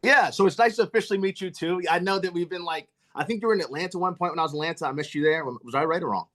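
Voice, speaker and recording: American male podcast host, rapid-fire, eager, trips over his words. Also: high-pitched, fairly bright tone. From United States. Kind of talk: casual podcast interview.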